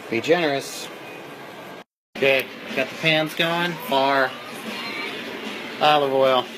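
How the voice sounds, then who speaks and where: A man's voice: mid-range voice, steady tone, takes it slowly, background noise. A man giving a casual, playful cooking demonstration in a home kitchen, loose and tipsy, swearing freely as he talks. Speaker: home cook hosting a cooking video.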